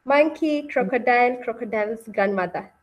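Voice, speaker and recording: Her voice is on the high side and her speed is normal. She's the webinar host and story narrator of an interactive online read-aloud on a video call, encouraging listeners and regularly checking in on them.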